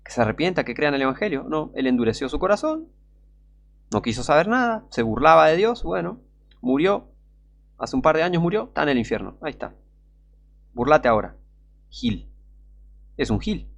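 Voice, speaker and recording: Fervent Rioplatense man preaching, gravelly. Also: fairly high pitch, big pitch swings, normal speed, pauses often. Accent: Rioplatense Spanish. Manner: fervent, scornful, rhetorical questions. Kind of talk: impassioned street-style sermon.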